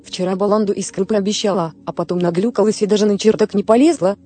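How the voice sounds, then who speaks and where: A woman's voice: mid-range voice, fairly even intonation, fast, mellow, slightly rough, soft background music, natural voice. Whiny starving little village boy, resentful, a woman reading him. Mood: whining. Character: hungry, angry five-year-old village boy.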